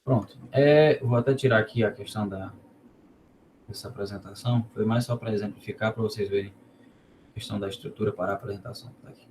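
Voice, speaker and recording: A man's voice: fairly low pitch, fairly even intonation, fast, darkish tone, slight background noise. A man with a Northeastern Brazilian accent teaching an online class in an informal way, asking the students questions and repeating words as he explains. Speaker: teacher of a cordel literature course.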